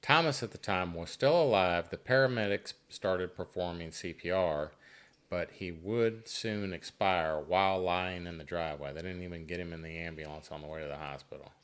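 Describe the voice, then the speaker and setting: Deep-voiced man with dry teasing banter. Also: moderate pace, a bit bright, clean tone. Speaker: podcast co-host. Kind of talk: casual true-crime chat.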